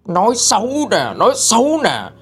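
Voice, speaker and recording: A man's voice: high-pitched, wildly swooping pitch, moderate pace, creaky, a bit bright, husky, pitched above the performer's own voice, full character voice. A man voicing a vengeful teenage boy ghost who has possessed a woman, snarling through his teeth. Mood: spiteful rage.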